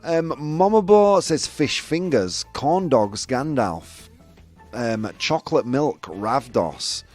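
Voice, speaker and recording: British male host, chatty and animated, reads viewer guesses over faint music. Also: medium pitch, slow pace. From United Kingdom. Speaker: show host. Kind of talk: casual livestream game hosting.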